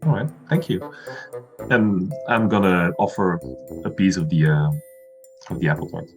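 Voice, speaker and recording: A man's voice: deep voice, animated, moderate pace. A man chatting casually and improvising as a player in a tabletop role-playing game. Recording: music playing behind.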